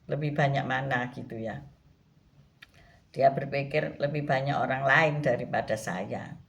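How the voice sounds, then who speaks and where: A woman pastor giving a devotional Bible teaching, speaking gently and often adding a soft "ya". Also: a bass voice. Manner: slow, gentle, frequent tag "ya".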